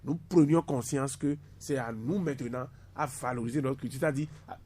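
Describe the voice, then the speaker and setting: His voice is medium-pitched, dark and husky, and he talks fairly quickly. A university lecturer in his fifties, he's a guest on a radio discussion, speaking emphatically and doubling up words for stress.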